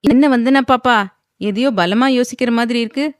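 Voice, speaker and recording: A woman's voice: on the high side, moderate pace, dry recording, clean studio sound, pitched above the performer's own voice, lightly acted. A woman voicing a cheerful household helper who coaxes the heroine affectionately. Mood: coaxing.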